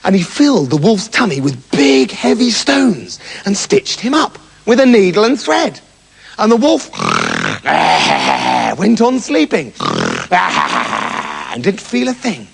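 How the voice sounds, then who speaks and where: A man's voice: sits high, sing-song, measured pace, vocal fry. A man telling a fairy tale with comic, mock-dramatic asides. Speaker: storyteller.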